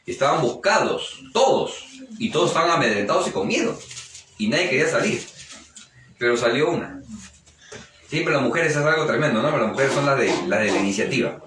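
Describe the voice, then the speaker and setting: A man's voice: mid-range voice, animated, fairly quick, a bit bright, recorded from a distance, a little hiss or hum. A male pastor preaching a live sermon, fervently peppering his retelling with praise and calls to his brothers. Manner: fervent, keeps interjecting praise and calling the listener brother. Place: church hall during a service. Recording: echoey church hall, picked up from afar.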